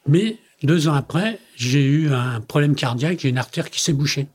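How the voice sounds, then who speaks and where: A man's voice: on the high side, normal speed, a little mellow, slightly rough. An older man, a company president interviewed as a guest, tells personal stories in conversation and acts out the dialogue he quotes.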